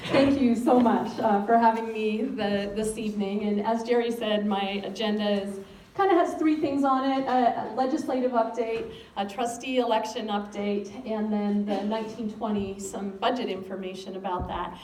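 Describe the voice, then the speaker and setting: An American school superintendent gives a public update to a civic gathering in a meeting room, saying um often and mentioning that she has a loud voice. Her pitch is medium and her speed normal. The echoey recording comes from a distant mic with faint noise.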